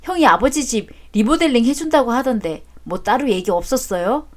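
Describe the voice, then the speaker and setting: A blunt grown-up son, voiced by a woman narrator, answers his father in a flat, cheeky way. The voice is fairly high, and it is a storybook drama. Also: fairly quick, close to an everyday voice.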